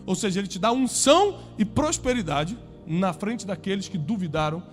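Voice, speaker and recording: A man with a Brazilian Portuguese accent preaching a sermon to a congregation, emphatic, with rhetorical questions and climbs toward near-shouts. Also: sits high, lively intonation, normal speed, faint music behind. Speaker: pastor. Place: church before a congregation.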